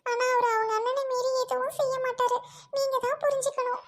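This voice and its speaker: A woman's voice: extremely high pitch, little pitch movement, fairly quick, background noise. A woman doing a pleading young woman doctor. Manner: pleading, insistent. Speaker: doctor in an audio drama. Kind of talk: amateur Tamil audio drama.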